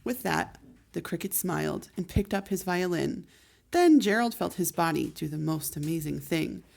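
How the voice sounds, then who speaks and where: A woman host reading a rhyming children's picture book aloud, expressive and measured in her delivery. Her voice is lowish with a gravelly texture. She paces the verses with care. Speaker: storyteller host.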